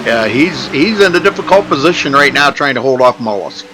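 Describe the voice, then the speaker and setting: A man's voice: medium pitch, animated, fairly quick, noisy background. A man working as a motorsport commentator, giving casual, chatty live commentary on a race.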